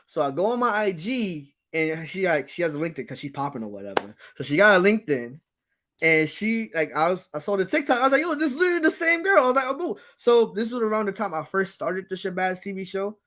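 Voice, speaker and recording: A man's voice: sits high, animated, brisk, fairly bright tone. A man hosting a show in playful, slangy, casual talk, repeating phrases for emphasis. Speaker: show host. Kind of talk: casual chat, animated storytelling.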